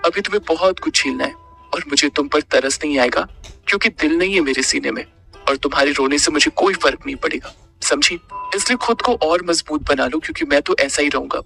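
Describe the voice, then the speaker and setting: Rudra as a soft, slow young husband, read by a man. Bright, clear tone over faint background music. Audio-story reading. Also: fairly high pitch. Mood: stern.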